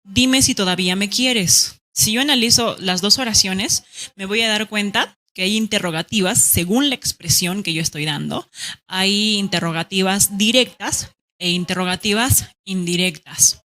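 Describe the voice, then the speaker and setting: A woman teaching a grammar lesson online, lively and acting out example sentences, checking in with "¿ya?". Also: mid-range voice, normal speed.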